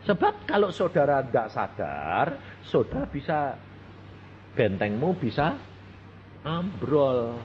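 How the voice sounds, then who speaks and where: An older man preaching a sermon, acting out dialogues and swinging between soft asides and loud exclamations. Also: mid-range voice, wildly swooping pitch, slow pace, pauses often. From Indonesia. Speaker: evangelist preacher. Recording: dull lo-fi sermon recording with faint hiss.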